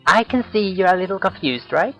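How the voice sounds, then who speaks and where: A man's voice: high-pitched, animated, fairly quick, bright, forceful tone, soft background music, voice pushed up, heavily acted, low-quality recording. A man voicing a bubbly, chatty teenage schoolgirl who giggles and talks in a sing-song way.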